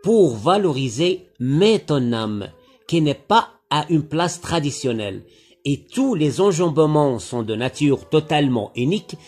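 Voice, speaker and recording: A man giving a literature lesson, analysing a poem slowly and deliberately, spelling out syllables. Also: mid-range voice, darkish tone, breathy edge. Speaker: literature teacher. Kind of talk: lecture-style poem analysis.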